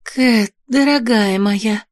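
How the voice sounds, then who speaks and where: A woman reading an audiobook, voicing a noble mother who speaks in a measured, formal, gently reproving way. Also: on the high side, dry recording, studio quality, close to an everyday voice. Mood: tender. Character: noble mother, gentle but stern lady. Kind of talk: audiobook character voice.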